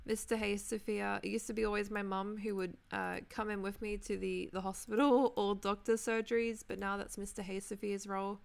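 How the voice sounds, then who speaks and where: A woman's voice: mid-range voice, little pitch movement, a little fast, vocal fry, hardly any pauses. A woman in her twenties with an Australian accent, chatting casually with viewers while playing a building game. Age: 20s. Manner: chatty, rambling, answers viewers' comments. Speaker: Minecraft streamer. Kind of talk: casual chat while gaming.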